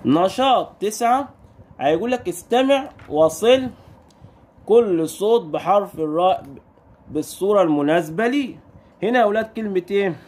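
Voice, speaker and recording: Lively Egyptian man teaching small children. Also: high voice. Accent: Egyptian Arabic. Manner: sing-song, drawing out sounds slowly, quick questions to the children. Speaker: primary school Arabic teacher. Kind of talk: recorded lesson for young children.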